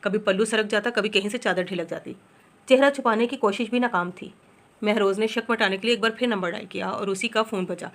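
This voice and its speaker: A woman's voice: medium pitch, a little fast. A woman reading a romance novel aloud as an audiobook narrator.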